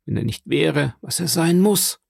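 A man's voice: on the high side, fairly even intonation, measured pace, creaky, a little mellow, husky, dry recording, studio quality, full character voice. A man voicing a frail, stern old grandmother who speaks in an imperious, insistent way, in an audiobook reading. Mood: commanding.

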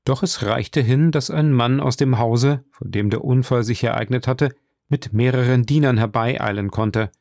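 A man narrating an audiobook in a steady, even storytelling manner. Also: medium pitch, moderate pace, creaky, no room sound, clean studio sound.

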